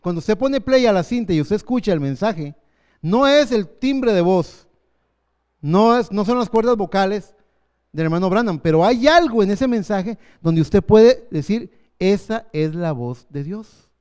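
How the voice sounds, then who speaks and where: A man in his fifties preaching a sermon as pastor, earnest, slowing down for emphasis. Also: high voice, animated, a little mellow, smooth. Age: 50s.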